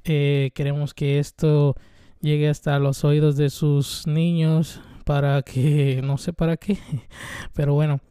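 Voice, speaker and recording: A Mexican podcast host in his twenties from Veracruz rambles through a casual solo monologue, swearing freely and filling gaps with fillers in an irreverent way. His voice is a bit high yet mellow and smooth, delivered flatly at a slow pace with a Mexican Spanish accent. The recording is dry and close, with no room sound.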